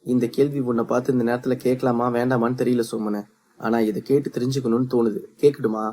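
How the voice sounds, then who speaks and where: A man voicing a hesitant, caring young man who speaks haltingly. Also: mid-range voice, flat delivery, dark tone, lightly acted.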